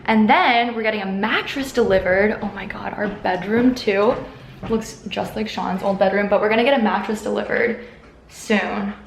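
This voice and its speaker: A woman's voice: medium pitch, moderate pace, vocal fry. Young woman, casual upbeat vlogger, fillers galore, noisy camera audio. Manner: chatty, upbeat, filler-heavy. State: tired, out of breath at times. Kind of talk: casual vlog narration. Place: around the city, indoors and outdoors. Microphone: handheld camera mic.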